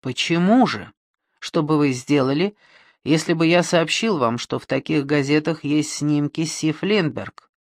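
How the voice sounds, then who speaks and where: A reader voicing a calm male police detective who questions softly and persistently in an audiobook. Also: medium pitch, a little slow, no echo, clean studio sound, close to an everyday voice. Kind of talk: audiobook reading.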